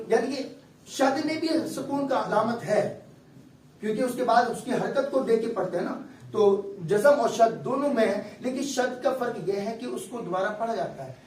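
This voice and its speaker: Speaking in a high, slightly mellow voice, this man teaches recitation in a classroom, lecturing patiently step by step while often checking that students follow along. There's a faint hum in the background, and the distant mic picks up plenty of room echo.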